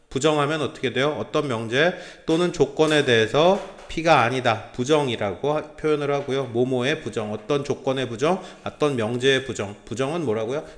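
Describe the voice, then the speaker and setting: Speaking in a mid-range voice, this male math tutor lectures a small group of students. He peppers his talk with tag questions to check they're following, plus the odd blunt bit of slang.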